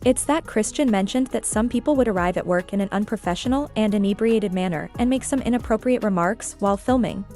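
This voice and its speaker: A woman's voice: medium pitch, fairly quick, few pauses, mellow, faint music behind. A woman delivering scripted entertainment gossip commentary as a narrator.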